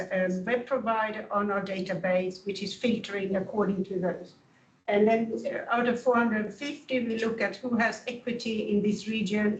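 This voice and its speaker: A woman presenting a tool at a conference, answering questions in a halting, thoughtful way. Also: medium pitch. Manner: halting, thoughtful explanation with fillers. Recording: echoey room, distant mic.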